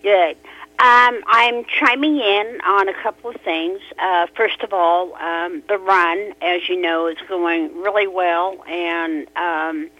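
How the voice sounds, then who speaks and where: A woman calling in to a radio show over a clipped telephone line, talking casually and halting often to find her words. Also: fairly low pitch, steady tone. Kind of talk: casual call-in chat. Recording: muffled phone-line audio.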